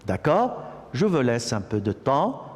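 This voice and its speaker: A man teaching a French lesson to young children, repeating words slowly and praising the class often. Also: mid-range voice, sing-song, in a large hall. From Morocco. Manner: slow, repetitive, encouraging classroom delivery. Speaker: primary school teacher.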